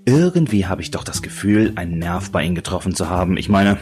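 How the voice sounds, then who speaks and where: A man's voice: low-pitched, sing-song, fast, darkish tone, soft background music. A man voicing a smug male tabloid reporter who needles and taunts. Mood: needling.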